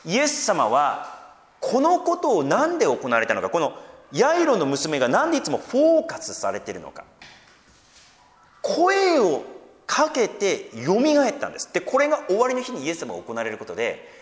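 A man preaching a sermon as pastor, lively and expressive, raising his voice when he quotes and slipping in gentle joking asides. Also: fairly high pitch, a little fast. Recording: long hall reverb.

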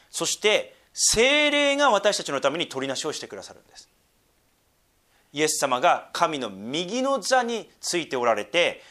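A man giving a sermon, moving between quiet, low asides and emphatic, slow readings of scripture. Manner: wide swings between hushed asides and emphatic raised reading; slows down to read scripture deliberately. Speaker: pastor.

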